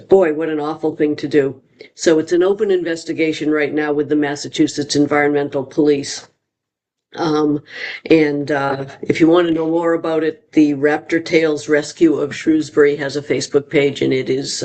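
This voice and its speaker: Gravelly-voiced man hosting an open mic. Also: on the high side. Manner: relaxed, rambling with many fillers. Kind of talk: casual live-stream hosting. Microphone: video call.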